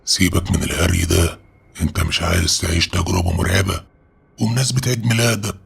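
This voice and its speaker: A man plays a pushy young Egyptian guy who presses his friends hard, in a deep, gravelly, husky voice. He sounds insistent and persuasive, storybook-style. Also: animated, quick pace, exaggerated voice. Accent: Egyptian Arabic.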